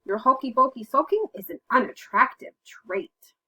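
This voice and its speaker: A woman's voice: high voice, lively intonation, moderate pace, pushed and bright, husky, no room sound, pitched above the performer's own voice, heavily acted. A woman doing a blunt, straight-talking storybook octopus. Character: blunt eight-armed octopus.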